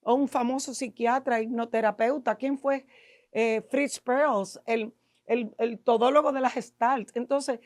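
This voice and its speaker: A middle-aged woman with a Dominican accent speaks as a podcast guest, pressing her points with rhetorical questions. Her voice sits a little high, and it is recorded close and dry in a studio. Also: steady tone, measured pace, a little mellow, no echo. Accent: Dominican Spanish. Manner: emphatic, lecturing with rhetorical questions. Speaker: guest expert in neuro-linguistic programming. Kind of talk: podcast interview explaining to an audience.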